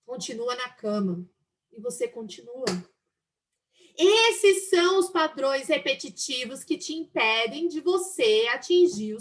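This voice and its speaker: Brief: woman teacher, high voice, animated delivery, acts out quoted thoughts. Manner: acts out inner voices, lively and expressive. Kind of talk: online class on a self-help book.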